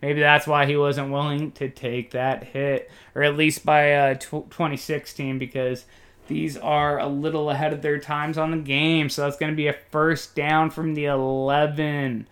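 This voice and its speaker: A man doing joking, excitable, folksy play-by-play commentary on a football video game. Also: on the high side, moderate pace. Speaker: play-by-play announcer.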